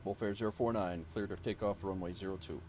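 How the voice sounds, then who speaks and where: A man's voice: low-pitched, fairly even intonation, fast, darkish tone, slight background noise. A man making clipped pilot radio calls into a cockpit headset microphone, using aviation phrasing. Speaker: virtual airline pilot streamer. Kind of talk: flight-sim radio calls. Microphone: headset mic.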